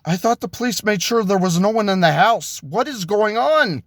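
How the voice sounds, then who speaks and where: A man acting out a terrified man attacked by an unseen force, his voice jumping high and loud as he yells. The shouts come across as raw panic in an amateur spoken story. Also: animated, moderate pace, no echo, studio quality. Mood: puzzled. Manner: yelling in terror.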